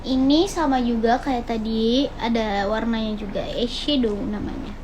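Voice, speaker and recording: A young adult woman vlogs at home, chatting casually with viewers and family and greeting viewers brightly. Her voice is a little high, steady, and unhurried, and the home video recording is noisy.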